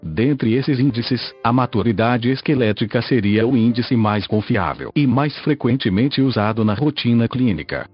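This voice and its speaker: A man's voice: mid-range voice, moderate pace, lo-fi sound, over music. A synthesized man's voice with a Brazilian accent, reading a podcast script stiffly and mechanically like an old speech synthesizer. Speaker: podcast host. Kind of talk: scripted narration, reading an article aloud.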